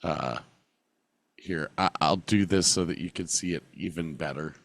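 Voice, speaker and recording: A man with a blocked-up nose, chatting casually and haltingly as a podcast co-host. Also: sits low, fairly bright tone, dry recording. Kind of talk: casual chat.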